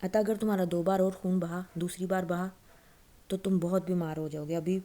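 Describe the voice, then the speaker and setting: A woman's voice: lowish voice, fairly even intonation, dark tone. A young woman casually retelling a novel's plot in a loose, chatty way, often correcting herself mid-sentence. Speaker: novel recap storyteller.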